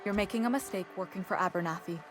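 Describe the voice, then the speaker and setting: A woman's voice: medium pitch, fast, lightly acted. Woman playing a businesslike scheming actuary over music. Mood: cool, persuasive. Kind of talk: video game character dialogue. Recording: game music behind the voice.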